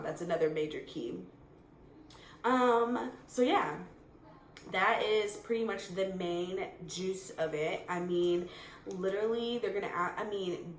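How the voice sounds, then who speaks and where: A woman vlogger giving casual advice straight to camera, chatty and repetitive, with lots of fillers. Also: mid-range voice. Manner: chatty, repeats words, many fillers. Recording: echoey room, faint noise.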